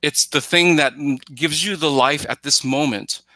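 Casual film talk comes from a middle-aged guest commentator on a podcast, who rambles emphatically and voices imagined quotes. He's indoors in a plain room on a video call headset. His voice is on the high side, pushed and bright, at normal speed with no echo.

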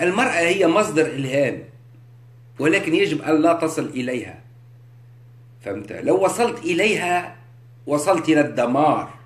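A man with a Tunisian accent in a casual live-stream monologue. He talks rhetorically, mixes in French, and keeps asking his listeners if they understand. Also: on the high side. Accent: Tunisian Arabic. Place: indoors, live on social media. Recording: echoey room.

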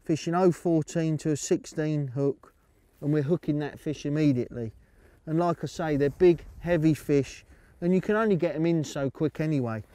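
A middle-aged man calmly explaining his fishing method outdoors at a lakeside, speaking steadily into a lapel mic. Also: a little high, moderate pace, dry recording. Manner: calm, steady, explaining as he fishes. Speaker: angling coach.

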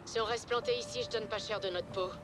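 Actress: loyal, tough female second-in-command for French game dub; brisk delivery, clear noise behind. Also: fairly high pitch, steady tone, lightly acted. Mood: brisk, urgent. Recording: noisy battlefield ambience behind the voice.

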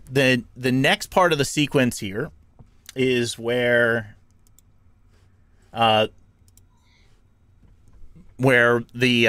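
This is a man with an average-pitched voice who hosts a talk show and explains things at a conversational pace. He talks loosely, with fillers and restarts. The recording is close and dry. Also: a bit bright, no room sound. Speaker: podcast host.

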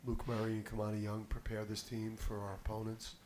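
The speaker is a middle-aged head coach in basketball giving postgame press conference answers through a table mic on a stand. His voice is fairly low and a little mellow, with a completely flat delivery and a slightly fast pace, though his manner is confident and emphatic, with repeated words and restarts when he starts. Slight background noise is audible.

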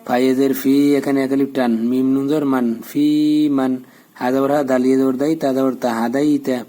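A man teaching a prayer, rattling off letter-by-letter spelling and then drawing each joined phrase out in a slow chant. His voice is mellow and dark, with little rise and fall. The delivery is patient and methodical. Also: medium pitch, little pitch movement. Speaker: Quran recitation teacher. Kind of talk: spelling out and reciting Arabic prayer.

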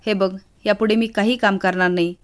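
A woman's voice: medium pitch, fairly even intonation, a little fast, natural voice. Woman reading out a tearful young man. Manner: tearful, complaining. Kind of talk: reading a serial recap aloud.

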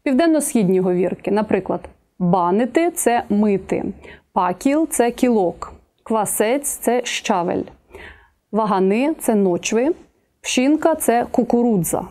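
A woman teacher giving an exam-prep video lecture, listing examples one at a time in a measured way. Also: medium pitch, animated, warm tone.

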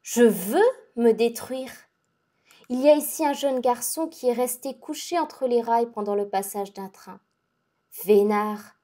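A woman reading the part of a feverish, exalted young invalid girl, talking in an excitable, breathless and intense way. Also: fairly high pitch, measured pace, natural voice. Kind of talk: dramatic audiobook reading.

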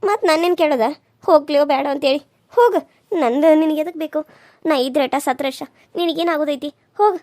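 A woman's voice: sits high, a little fast, a little mellow, no room sound, studio quality, close to an everyday voice. A woman voicing a grieving young first wife in a cartoon serial. She speaks tearfully and bitterly.

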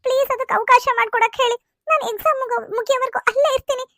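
Woman doing a super high-pitched young wife, teary and pleading, cartoon serial, dead dry sound. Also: a little fast, a bit bright, no room sound. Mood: sad. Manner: pleading, tearful complaining. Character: young bride and student, tearful and hurt.

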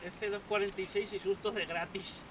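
Man, Spain Spanish accent, excitable gameplay commentary, jokey, swearing, distant mic, loud gunfire behind. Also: sits high, normal speed, noisy background. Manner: excitable, swears and shouts at enemies; jokey running chatter.

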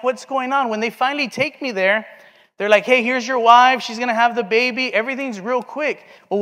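A man's voice: sits high, fairly bright tone. A man in his forties, preaching a sermon and telling a personal story in an earnest way, acting out the quoted dialogue. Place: church sanctuary. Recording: long hall reverb.

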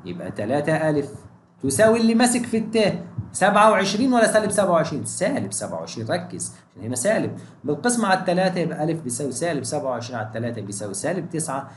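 Egyptian man teaching math, very animated delivery, quizzing students as he goes, echoey room. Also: mid-range voice, a little hiss or hum. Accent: Egyptian Arabic. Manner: energetic, keeps asking students questions. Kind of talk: exam exercise walkthrough.

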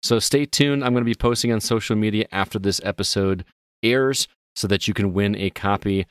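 A man's voice: lowish voice, fairly quick, smooth, no room sound, studio quality. A man hosting a gaming podcast, chatting casually and upbeat, laughing easily. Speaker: podcast host.

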